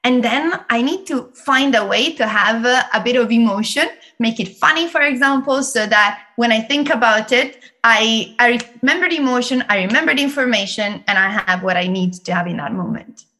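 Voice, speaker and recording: A woman with an Italian accent, a guest in an interview, explaining learning techniques in a lively way and laughing often. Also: fairly high pitch, normal speed, hardly any pauses. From Italy. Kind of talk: interview conversation.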